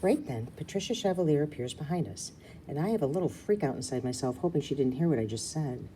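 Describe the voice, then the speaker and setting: A woman reads a children's story aloud with expression, breaking off now and then for casual asides and explanations. Her low voice is expressive, mellow and quick, captured in a low-quality recording with slight background noise.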